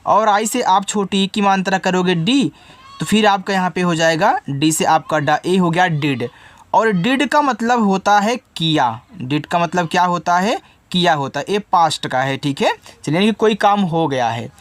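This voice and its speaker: A man's voice: sits high, lively intonation, moderate pace, dry recording. A man with a Hindi accent teaching English word by word, patient and repetitive, often asking a question and then answering it himself. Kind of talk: spoken lesson explaining word by word.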